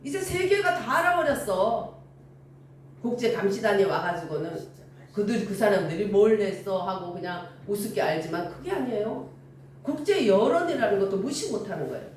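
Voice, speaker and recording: An older woman preaches a sermon, telling stories animatedly and acting out the dialogue, in a mid-range voice at a moderate pace. She's recorded from far off in an echoey room with faint ambience and a little hiss or hum.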